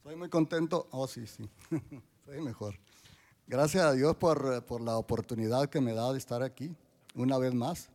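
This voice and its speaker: A man, giving a church testimony in a halting way, full of restarts and fillers. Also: mid-range voice, darkish tone. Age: 60s.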